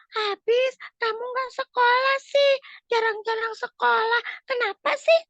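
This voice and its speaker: A woman voicing an earnest little schoolgirl in a storytelling session for children, in a squeaky childlike voice. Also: steady tone, measured pace, a bit bright, no room sound, exaggerated voice. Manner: earnest, chatty, talks to the young audience.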